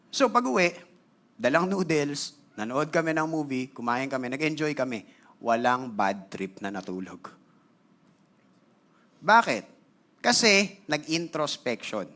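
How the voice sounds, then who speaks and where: A man with a Filipino accent preaches to his congregation in an animated, chatty storytelling sermon. His voice is bright and forward. He moves easily between two languages and keeps clearing his throat. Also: on the high side, a little slow, long pauses. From Philippines. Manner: animated, conversational, switching between Tagalog and English. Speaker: pastor.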